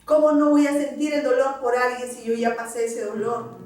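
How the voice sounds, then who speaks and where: A woman's voice: a little high, fairly even intonation, normal speed, a little mellow. A woman pastor from Peru giving an emotional testimony as a sermon, speaking directly to her congregation. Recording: echoey church hall, distant mic, faint music.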